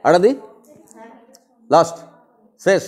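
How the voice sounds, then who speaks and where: A man teaching a class, drilling students with quick repeated questions. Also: a little mellow. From West Bengal. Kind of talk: classroom lecture.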